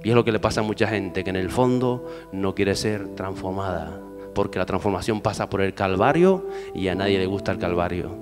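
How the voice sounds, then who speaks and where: A man preaching a sermon. He swings loud exhortation to low, quiet asides and keeps asking the congregation questions. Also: long reverb tail. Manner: addresses the congregation with repeated questions. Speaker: pastor.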